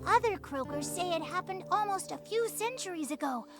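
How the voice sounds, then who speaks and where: A woman voicing a timid, chatty little frog-like vendor in a game, punctuating her sentences with a croaking "ribbit". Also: very high-pitched, lively intonation, fairly quick. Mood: chatty, earnest. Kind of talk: scripted game dialogue. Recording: game music behind.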